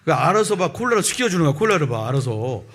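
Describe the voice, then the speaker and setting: A male pastor in his fifties preaching a sermon and telling a personal testimony, with lively storytelling that acts out the people in it. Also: fairly high pitch, fast talker. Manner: animated storytelling, acting out quoted voices. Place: church sanctuary.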